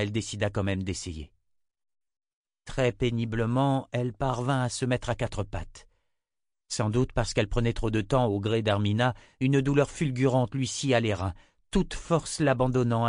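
A man narrating a dark fantasy audiobook in steady, measured storytelling. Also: medium pitch, no echo, clean studio sound. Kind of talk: scripted narration.

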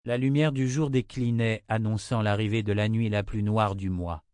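A man giving a scripted audiobook narration of a novel, in an even, literary reading style. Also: on the low side, moderate pace, clean tone, no echo, studio quality.

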